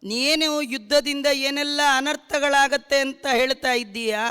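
A man's voice: very high voice, measured pace, bright, forceful tone. A man from Bangalore giving a religious discourse on scripture, quoting Sanskrit verses as he preaches. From Bangalore, India. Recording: hall reverb.

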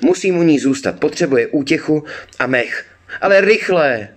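A man's voice: on the high side, very animated, breathy edge, pitched above the performer's own voice. Ronja, a man doing a fiery young girl. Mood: urgent. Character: brave, fiery young robber's daughter, girl.

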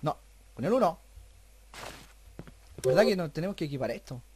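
A young man with a Chilean accent giving let's play commentary, cursing nonstop and breaking into panicked yells. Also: fairly high pitch, sing-song, normal speed, noisy background. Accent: Chilean Spanish. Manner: swears constantly, bursts into panicked yelling. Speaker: gamer. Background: horror game music and sounds.

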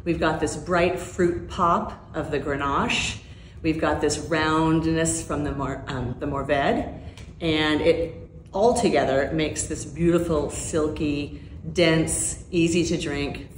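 Here the same kind of promotional to-camera talk comes from a middle-aged woman from Hawaii, a winery co-owner, enthusiastic and descriptive at the wooden bar of her tasting room. She takes it slowly in a low, fairly even voice. Captured by a camera a few feet off, the sound carries a roomy indoor echo and slight background noise.

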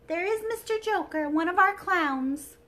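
A woman's voice: extremely high pitch, animated, measured pace, sharp tone, voice pushed up, full character voice. A woman reading a storybook aloud, voicing a timid, dainty china doll princess in a frightened little voice. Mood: prim. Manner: fearful, delicate and prim.

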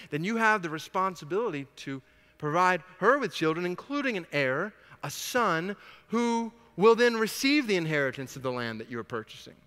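High bright voiced pastor preaching, gets real animated, big echoey church hall. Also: male voice. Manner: animated, acts out dialogue, swings from hushed to loud. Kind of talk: sermon.

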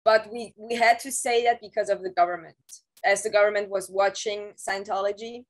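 Speaking over a video call from home, this woman in her thirties is an interview guest who used to work on Scientology staff. She recalls her past in a relaxed but halting manner, full of restarts and "um"s, with a medium-pitched, steady voice. Her laptop camera mic produces a low-quality recording.

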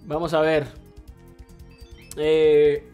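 Excitable high-voiced male streamer. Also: very slow, clear, resonant tone, soft background music. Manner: excitable, swearing, laughing, mixing English slang; reads chat messages aloud. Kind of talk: live gameplay commentary.

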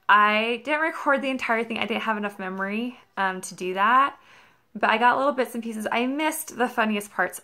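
A young American woman gives a casual, rambling review to camera at home. Her voice is bright and forward with plenty of vocal fry, and she drops "like" into her storytelling often. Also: mid-range voice. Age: young adult. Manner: rambling, animated storytelling with frequent "like". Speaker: vlogger reviewing a product. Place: carpeted living room at home.

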